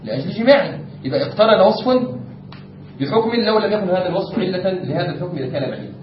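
Egyptian male lecturer, high voice, classroom lesson from a distant dull mic with light hiss. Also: expressive, fast. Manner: explains step by step, asks the class rhetorical checks. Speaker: teacher of Islamic jurisprudence. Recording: echoey room, distant lo-fi mic with faint noise.

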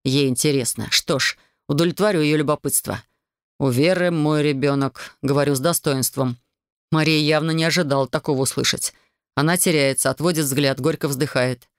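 A man reading a first-person audiobook story in a measured, brooding way. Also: a little high, fairly even intonation, dry recording, clean studio sound. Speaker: audiobook narrator.

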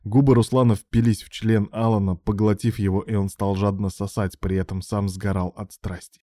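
A male narrator reads a romance story aloud in an even, measured way. His voice sits low, with a dark, mellow tone. The sound is dry and close to the mic. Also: no room sound. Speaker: audiobook narrator.

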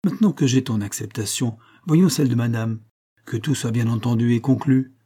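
A man reading aloud voices a vain, jovial man who laughs at everything and insists loudly. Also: mid-range voice, moderate pace, slightly rough, lightly acted. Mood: insistent.

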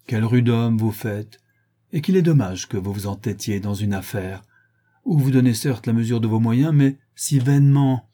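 Male reader doing a mocking gentleman thief: ironic, grandiloquent, pitched up, husky. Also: moderate pace, lightly acted. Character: suave, mocking gentleman thief, adult man.

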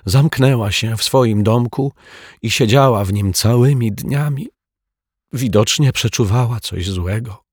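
A man voicing a tearful little girl who sniffles and speaks in a high, plaintive way. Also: measured pace, a little mellow, breathy edge, dry recording, clean studio sound. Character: weepy little girl mourning her caterpillar.

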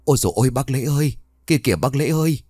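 A man's voice: expressive, brisk, darkish tone, no room sound, clean studio sound, natural voice. A man putting on a panicky village woman. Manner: shrill, panicky, pleading. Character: frightened middle-aged village woman.

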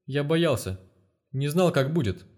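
A man's voice: lively intonation, measured pace, darkish tone. A man playing a frightened old professor. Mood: plaintive. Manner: plaintive, defensive, higher voice. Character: frightened, pleading elderly male law professor. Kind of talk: audiobook character reading.

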